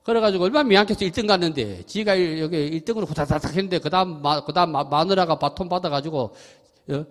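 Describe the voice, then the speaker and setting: Lively Gyeongsang monk in a reverberant hall. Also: male voice, a little high, fast talker. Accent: Gyeongsang Korean. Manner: lively, chatty, laughs often, asks listeners questions. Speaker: Buddhist monk giving a dharma talk. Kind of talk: sermon with storytelling. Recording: temple hall with long reverb.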